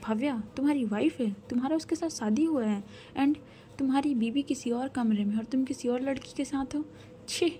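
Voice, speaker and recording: A woman's voice: sits high, normal speed, warm tone, pitched above the performer's own voice, close to an everyday voice. Woman voicing a stern scolding mother. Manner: scolding, firm and commanding. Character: stern strict middle-aged mother scolding daughter.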